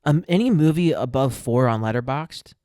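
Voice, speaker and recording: A man's voice: mid-range voice, normal speed, no room sound. Young man in dry, close podcast chat. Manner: animated, laughs easily, restarts sentences. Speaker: podcast co-host. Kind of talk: casual chat.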